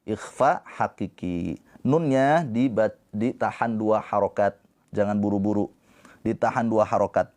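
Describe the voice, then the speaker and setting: A man teaching tajwid on a live stream, explaining slowly and patiently and breaking into drawn-out chanted recitation. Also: lowish voice, a little mellow. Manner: talks to viewers in the comments.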